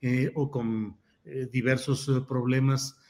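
A man hosting an interview in a casual style, speaking haltingly in short prompts. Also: mid-range voice, steady tone, darkish tone. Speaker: programme host.

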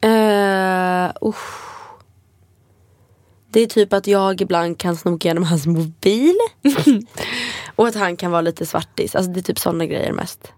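A young woman co-hosting a podcast in casual chat. She tells stories in a lively way, acts out quarrels and swears casually. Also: fairly low pitch, pauses often, dry recording. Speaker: podcast co-host.

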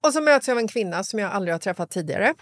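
A woman hosting a podcast in casual chat, an animated storyteller who acts out dialogue and swears freely. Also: medium pitch, no room sound, clean studio sound. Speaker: podcast host.

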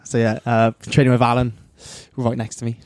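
A man's voice: medium pitch, level tone, fairly quick, darkish tone. A man in his early twenties from South Wales with a Cardiff accent, chatting casually. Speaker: podcast guest, competitive surfer. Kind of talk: casual chat.

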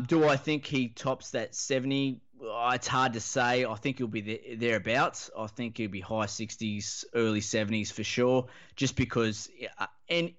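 A man's voice: on the low side, fairly bright tone, clear, resonant tone. A man with an Australian accent chatting casually about sport in a laconic, blokey, slangy drawl, as a podcast panellist. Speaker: fantasy rugby league podcast panellist. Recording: dull, lo-fi audio.

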